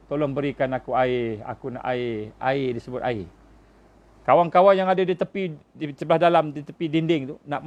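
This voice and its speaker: A man with a Malaysian Malay accent preaching, telling a story with emotion that climbs into fervent, high-pitched appeals and sinks low for quoted words. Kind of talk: sermon storytelling. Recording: dull lo-fi live stream audio.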